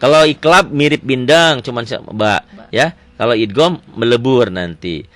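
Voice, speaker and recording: Male Quran teacher, drills a student, recites slowly; animated, bright delivery. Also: mid-range voice. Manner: quizzing questions, repeats answers, recites slowly. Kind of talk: Quran reading lesson with a child.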